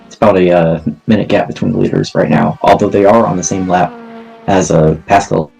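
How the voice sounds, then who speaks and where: A man co-commentating a race in a hesitant, halting way. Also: sits low, steady tone, creaky, a little mellow. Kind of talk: sim racing commentary.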